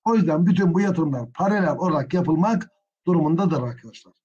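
Male history teacher, husky and fairly high, dull lo-fi class audio, indignant asides. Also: animated, quick pace, warm tone. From Turkey. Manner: addresses students as friends, gets openly indignant. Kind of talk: exam prep history lecture.

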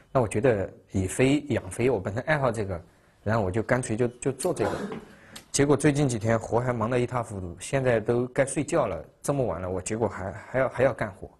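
Husky-voiced man in a workshop. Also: on the low side, a little mellow. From Sichuan, China. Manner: casual, halting, with restarts. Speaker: barber and hobby plane builder. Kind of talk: interview. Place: cluttered indoor workshop.

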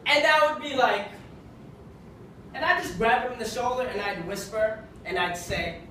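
On a small club stage, a young Kenyan stand-up with a high-sitting voice does his routine at a normal pace, wry and conversational, landing deadpan punchlines. Filmed from far off in the audience while he holds a handheld mic, the recording is roomy and echoey, with laughter from the crowd and a little hiss or hum.

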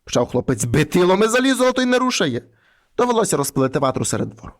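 A man reading a folk fairy tale aloud in an expressive storytelling manner. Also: high-pitched, racing.

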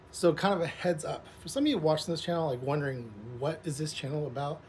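This social media content creator, a man in his forties, speaks quickly to camera in a fairly high voice with a darkish tone, chatting in a casual, rambling way. He is outdoors in a pool, and the surrounding outdoor noise is clearly audible.

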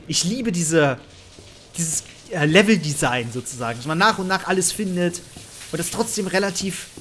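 A woman with a German accent giving jokey, excitable commentary on a horror game, shrieking at scares and chatting to her viewers over a headset mic. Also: sits low, a little hiss or hum. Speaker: let's play host. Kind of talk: gaming commentary.

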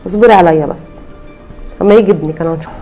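A woman's voice: lowish voice, very fast, dark tone, faint music behind, close to an everyday voice. A woman voicing an irritable, complaining pregnant young wife with an Egyptian Arabic accent in a cartoon. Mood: fuming. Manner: complaining, exasperated.

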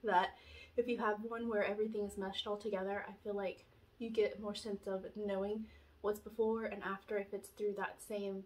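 Filmed from the chest up by a camera in front of her in a small room at home, a young vlogger gives a relaxed pregnancy update, stuffy-nosed from allergies and full of fillers. Her medium, darkish voice barely moves in pitch and keeps a moderate pace, and the recording quality is low.

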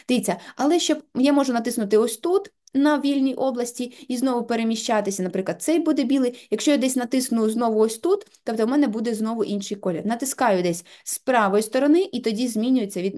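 A woman giving a patient, step-by-step software tutorial, leaning on filler words as she goes. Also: on the high side, quick pace, few pauses.

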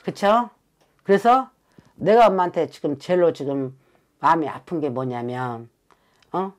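A fortune teller from Suncheon in South Jeolla, Korea, this woman gives a reading in a low voice at a measured pace. She's blunt and emphatic, swears some, and keeps asking "right?" to press for agreement.

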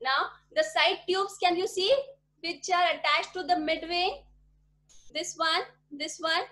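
A woman's voice: very high-pitched, fairly even intonation, unhurried, sharp tone. A woman, teaching an online class from a small room at home, patiently repeating questions to check that her pupils follow. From India. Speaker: primary school teacher. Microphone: laptop webcam mic at desk. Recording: echoey room audio from a video call.

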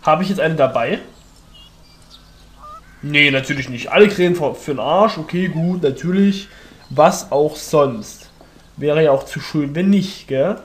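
A man's voice: fairly high pitch, moderate pace. A man hosting a let's play with casual commentary, thinking aloud in fragments.

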